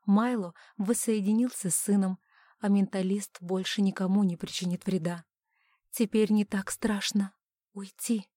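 A woman reads a first-person audiobook, her voice soft and at times dropping to a near whisper. The sound is dry and close, with no room around it. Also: medium pitch, fairly even intonation, moderate pace, dry recording. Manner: soft, often sinking to a whisper. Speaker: audiobook narrator. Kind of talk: first-person scripted narration.

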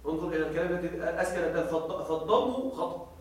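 A man teaching a class who poses questions and answers them himself, keeps checking that the students follow, and slows down to drawl out the words he stresses. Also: on the high side, lively intonation. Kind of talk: classroom lecture with student replies. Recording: very echoey room, voice heard from a distance.

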